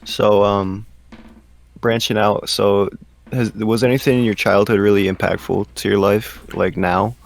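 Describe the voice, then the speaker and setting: A man's voice: fairly low pitch, steady tone, a little slow, creaky. A man hosting a podcast, asking questions in a laid-back, easygoing way. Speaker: podcast host. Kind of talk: casual interview.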